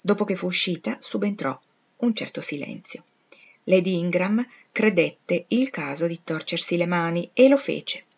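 A woman with a fairly low, somewhat dark-toned voice reads a classic novel aloud, measured and expressive. The recording is dull and lo-fi, with the top end rolled off. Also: breathy edge. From Italy. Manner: measured, expressive storytelling delivery. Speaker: audiobook reader. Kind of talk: literary reading aloud.

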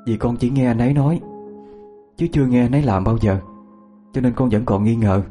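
A man voicing a bewitched young woman, making cold, insistent demands in a husky voice. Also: mid-range voice, steady tone, brisk, warm tone, soft background music, pitched above the performer's own voice, close to an everyday voice. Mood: pleading, cold.

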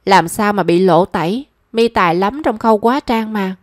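A woman's voice: medium pitch, normal speed, no echo, studio quality, natural voice. A woman voicing a cheeky, brash young woman who teases her friend. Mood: teasing. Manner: teasing, brash.

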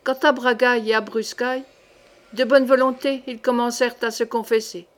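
A woman reads a historical novel aloud as an audiobook narrator. Her delivery is measured and expressive, in a voice pitched a little high. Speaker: audiobook reader.

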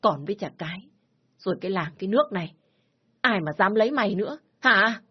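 A woman's voice: mid-range voice, animated, a little fast, husky, dull audio. Woman voicing a furious domineering old father. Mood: furious shouting. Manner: shouting, scolding harshly. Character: furious stern older village father, domineering.

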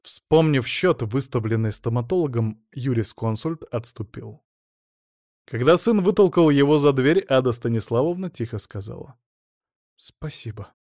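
A man reading a novel aloud as an audiobook narrator, measured and expressive. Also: mid-range voice, dry recording, studio quality. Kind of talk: scripted narration.

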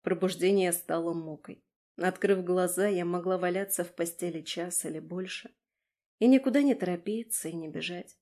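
A woman's voice: fairly low pitch, moderate pace. Woman narrating a first-person audiobook. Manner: lively, ironic, voices dialogue.

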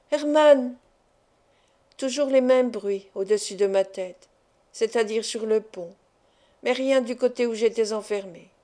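A woman reading a classic novel aloud as first-person narration, in a steady storytelling manner. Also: medium pitch. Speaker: audiobook reader.

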